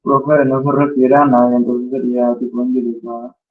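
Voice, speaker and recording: A man's voice: mid-range voice, little pitch movement, normal speed. A male student hesitantly answering his teacher's question in an online class. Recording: tinny phone-like audio from the mic.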